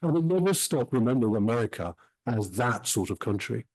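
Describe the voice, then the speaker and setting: A middle-aged man speaks at a middle pitch, giving an academic talk. He weighs his words, filling the gaps with frequent ums. His delivery is careful and reflective. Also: lively intonation, a little mellow, rough recording. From Switzerland. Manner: measured, frequent um pauses. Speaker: historian giving a talk about his book.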